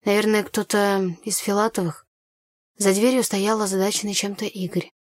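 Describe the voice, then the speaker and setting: A woman reading first-person scripted narration of a story in an even storytelling manner. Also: mid-range voice, moderate pace, no echo, studio quality. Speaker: audiobook narrator.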